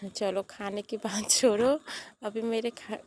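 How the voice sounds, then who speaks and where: A young woman vlogger casually narrating her daily chores in a voice-over, with a slightly hoarse throat and a sleepy, rambling, confiding way of talking. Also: medium pitch, fairly even intonation, slow pace, darkish tone, a little hiss or hum.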